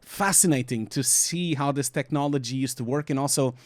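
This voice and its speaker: A man in his forties with a Portuguese accent co-hosts a casual podcast and works as a visual effects supervisor. His mid-range voice moves fairly quickly as he chats in an informal, rambling, joking way. There is no room sound.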